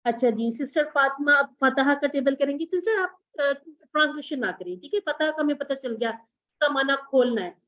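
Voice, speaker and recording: A woman teaching a Quranic Arabic class online, patient and gently correcting her students. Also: sits high, lively intonation, normal speed, highs cut off.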